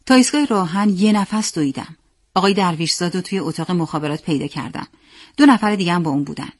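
A woman reading a story aloud as narrator in a steady, plain manner. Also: lowish voice, no echo, studio quality.

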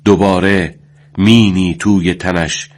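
A man reading a war story aloud in a solemn, measured way. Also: low-pitched, steady tone. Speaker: narrator.

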